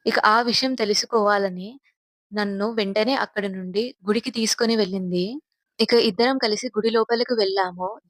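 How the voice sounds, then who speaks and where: A woman's voice: medium pitch, no echo. A woman narrating a first-person horror story in a grave, tense manner.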